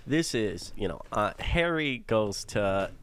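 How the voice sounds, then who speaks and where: Excitable young man, low voice, joking. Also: slow, clean tone. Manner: excitable, joking, swears freely. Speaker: podcast co-host. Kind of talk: casual podcast banter.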